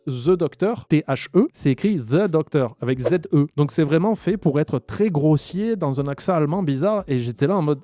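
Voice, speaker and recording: A man's voice: a little high, animated, brisk, hardly any pauses, dark tone, no echo. A man giving a casual, rambling spoken review of a TV episode, chatty and full of fillers and restarts. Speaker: TV series reviewer.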